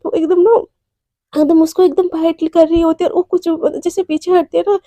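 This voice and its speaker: A woman's voice: extremely high pitch, fairly even intonation, a little fast, warm tone, no echo. A young woman casually narrating a romance story, chatty and full of fillers and asides to the listener.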